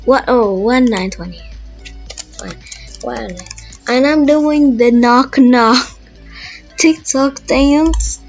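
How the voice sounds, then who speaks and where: A young-sounding woman with a high voice hosts a casual software tutorial, speaking slowly and informally as she thinks aloud while demonstrating. The recording comes from a dull lo-fi mic with background music.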